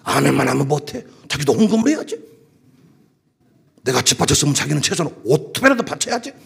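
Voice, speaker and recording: A man preaching a sermon as pastor, with a Jeolla dialect, moving between loud emphatic calls and soft asides. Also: a little high, very animated, quick pace, gravelly, slightly rough.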